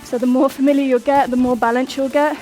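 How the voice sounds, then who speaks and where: A young female fitness instructor talks fast over music, her high-pitched voice dark in tone and showing little pitch movement. She coaches the workout in an upbeat manner, counting down reps, and is out of breath at times.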